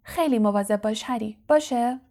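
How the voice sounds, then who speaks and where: A woman voicing a warm, fussing middle-aged mother in an audiobook, calling out loudly. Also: fairly high pitch, natural voice. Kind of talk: audiobook character voice.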